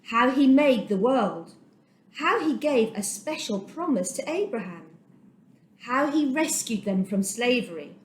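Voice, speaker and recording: Slightly high and animated, a woman's voice carries a children's Bible story with deliberate, dramatic phrasing and emphasis. Slight background noise accompanies the echoey room.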